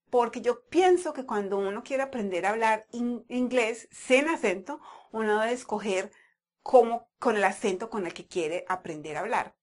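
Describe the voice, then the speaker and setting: A woman from Medellín with a paisa Colombian accent, explaining a language topic in a conversational way and sometimes repeating words as she thinks. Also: medium pitch. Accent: Colombian Spanish, Medellín (paisa). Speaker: language teacher. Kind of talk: talking to camera, explaining. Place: United States.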